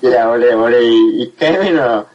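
Husky, animated male co-host throwing out quick jokey comebacks. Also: mid-range voice, dull audio. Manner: quick teasing retorts, laughs often. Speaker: podcast co-host. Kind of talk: casual comedy chat.

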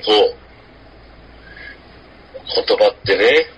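A man's voice: fairly low pitch, lively intonation, very slow, fairly bright tone, husky, highs cut off. A man co-hosts a podcast in casual chat, thinking aloud with many fillers.

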